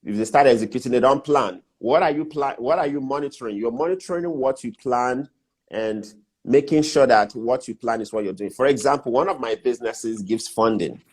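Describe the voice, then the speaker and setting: Brisk and medium-pitched with a breathy edge, this Nigerian-accented voice belongs to a middle-aged man mentoring as a guest. In a casual interview, he works through business steps and hammers home his key points by repeating them.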